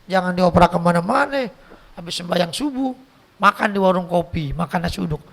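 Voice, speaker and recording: A man's voice: high-pitched, expressive, a little fast, gravelly, a bit bright. A man with a Jakarta Betawi accent teaching a mosque study circle in a casual, joking way, reading Arabic text and then explaining it in slangy everyday speech. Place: mosque hall.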